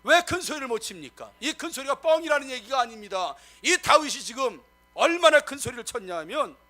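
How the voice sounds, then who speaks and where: Emphatic high-voiced middle-aged male pastor. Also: animated, fairly quick. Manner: emphatic, rising to loud exclamations, constantly addressing the congregation. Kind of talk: sermon.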